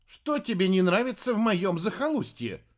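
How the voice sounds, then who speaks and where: A snappish young witch from a storybook, put on by a male reader. The voice sits raised and lively, dripping with disdain. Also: high voice, moderate pace, pitched above the performer's own voice. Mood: irritated. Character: irritable young witch, haughty and sharp-tongued.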